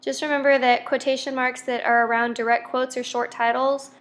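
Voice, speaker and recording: A young woman teacher clearly and methodically explaining a grammar lesson, reading out quiz items and going through the answers. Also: high-pitched, level tone, brisk, a bit bright.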